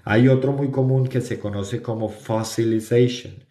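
An English teacher from Colombia, speaking with a Colombian Spanish accent, walks his class through pronunciation and keeps asking "¿cierto?" to make sure they follow. He has a medium-pitched, dark voice with fairly even intonation and a moderate pace, in a roomy-sounding space.

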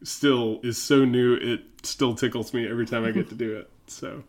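Easygoing pastor co-hosting a chat. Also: male voice, mid-range voice, fairly even intonation, darkish tone. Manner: halting, restarts, easygoing and playful. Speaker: pastor and podcast co-host. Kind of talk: casual chat.

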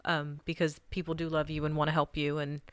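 A woman's voice: deep voice, little pitch movement, fairly quick, fairly bright tone, no echo. A woman co-hosting a faith podcast, backing up her partner with short agreements and stories. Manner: supportive, chimes in with short agreements. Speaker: podcast co-host. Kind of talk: casual faith podcast chat.

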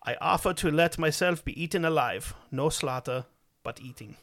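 A man's voice: fairly high pitch, normal speed, a bit bright. A man voicing a German man offering himself up, in a put-on German accent with formal, earnest wording.

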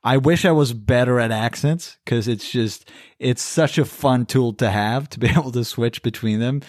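A man hosts a podcast in a loose, animated way and swears now and then. His voice is at an average male pitch. The recording is dry and close. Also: normal speed, no echo. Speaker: podcast host. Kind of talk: casual podcast conversation.

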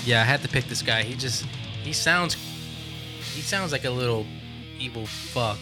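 A man's voice: mid-range voice, moderate pace. A man co-hosting a casual podcast, laid-back and profane, rambling about music. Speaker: podcast co-host. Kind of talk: casual chat.

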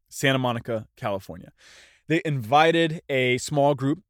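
A podcast host in his thirties talks casually on his solo show in a loose, self-deprecating, unscripted single take. His mid-range voice has a slightly congested, nasal quality. The recording is studio quality, with no room sound.

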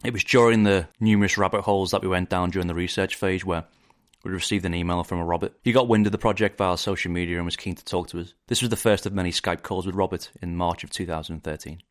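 A man in his forties with a Liverpool accent, a film director hosting a podcast in measured, reflective narration. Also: low voice, steady tone. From England.

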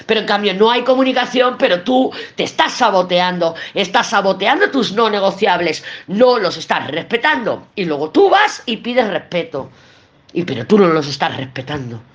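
A woman's voice: mid-range voice, very animated, moderate pace, muffled recording. A woman with a Spain Spanish accent giving a weekly tarot reading, blunt and emphatic, swearing and repeating herself for emphasis. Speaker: tarot reader.

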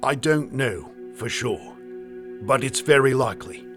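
A man's voice: medium pitch, expressive, unhurried, over music, lightly acted. An actor playing a brash, cheerful Australian bushman guide with a slangy, matter-of-fact way of talking.

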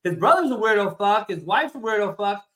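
A man hosting a casual sports debate, loud, opinionated and ribbing, blunt and profane, repeating his points for emphasis. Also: sits high, big pitch swings, brisk. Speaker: sports talk show host.

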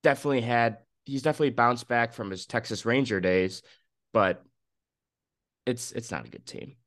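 A young man co-hosting a casual sports podcast, excited and opinionated, in his morning voice. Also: mid-range voice, moderate pace, no echo, clean studio sound. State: just woken up, morning voice. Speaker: podcast co-host.

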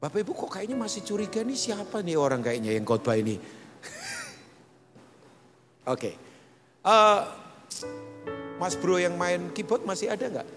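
A middle-aged male pastor with a Jakarta Indonesian accent, preaching a joking, lively sermon in a large church hall. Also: measured pace, long pauses. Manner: animated and joking, pitch leaping up for emphasis. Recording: reverberant church hall with soft music.

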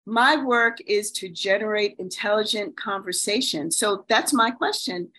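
A woman's voice: mid-range voice, unhurried, bright, forceful tone, poor audio. A woman playwright, a guest in a casual discussion, who asks pointed, provocative questions.

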